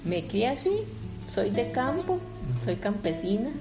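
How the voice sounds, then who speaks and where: A woman, a religious sister, calmly telling her life story in a testimony interview. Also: mid-range voice, a little slow, over music. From Costa Rica.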